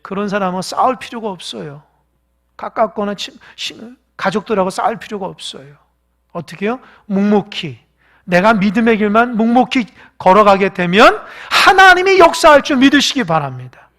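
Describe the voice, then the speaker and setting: Korean pastor preaching, loud then whispering. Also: male voice, sits high, expressive, moderate pace. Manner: swings between loud exhortation and hushed whispers; calls for congregational responses. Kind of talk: sermon.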